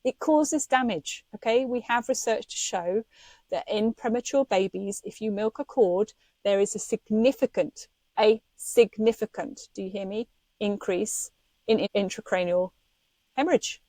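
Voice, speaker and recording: A woman co-hosts a podcast, speaking passionately and with indignation while laughing often. Her voice is mid-range with a darkish tone, at normal speed, with no echo.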